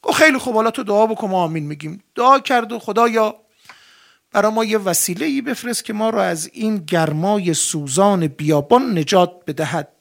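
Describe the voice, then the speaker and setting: Gravelly-voiced male preacher telling a story. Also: sits high. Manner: animated storyteller, voicing characters in dialogue. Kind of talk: sermon storytelling.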